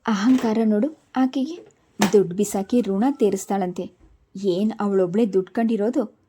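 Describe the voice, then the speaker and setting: A woman's voice: mid-range voice, moderate pace, warm tone, a little hiss or hum, natural voice. A woman voicing an outspoken, loyal female friend who talks bluntly and indignantly in a storybook reading.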